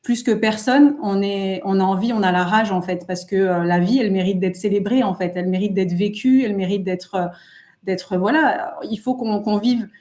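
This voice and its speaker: A woman's voice: medium pitch, normal speed, darkish tone. A woman, a guest speaking earnestly and reflectively in a casual interview. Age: 30s. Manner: earnest, reflective, many fillers. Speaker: guest entrepreneur.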